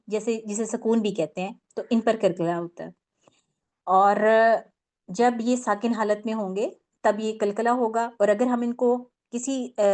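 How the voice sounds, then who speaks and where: A woman's voice: medium pitch, darkish tone. A woman teaching a tajweed lesson on Quran recitation, explaining patiently step by step with many fillers and English words mixed in.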